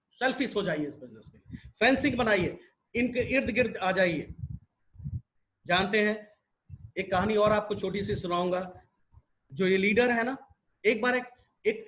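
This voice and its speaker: Guy in his 50s, fairly high voice, fired up seminar speaker telling little stories and repeating lines. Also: fairly bright tone, poor audio. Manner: emphatic, repeats phrases, tells parables. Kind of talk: motivational seminar talk.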